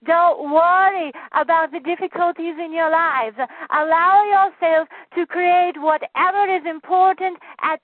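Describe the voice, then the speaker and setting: A woman's voice: very high-pitched, no room sound, pitched above the performer's own voice. A woman channeling a solemn spirit guide. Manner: solemn, incantatory, repetitive commands. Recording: tinny phone-line sound, dry.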